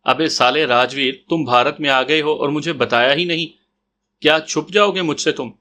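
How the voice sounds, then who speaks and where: A man reading the lines of a fiery, possessive woman in an audio story, rough-spoken and teasing. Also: a little high, sharp tone.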